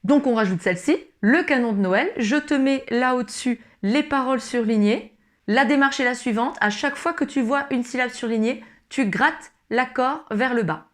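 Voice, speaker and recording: A woman's voice: fairly high pitch, moderate pace. A woman teaching ukulele, explaining each step patiently and talking to the learner informally. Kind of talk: tutorial explanation. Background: ukulele strumming.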